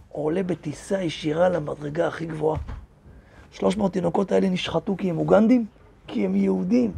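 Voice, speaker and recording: With a slightly high, husky voice and some vocal fry, a rabbi reads verses aloud during a lively synagogue Torah lesson, throwing rhetorical questions at his listeners.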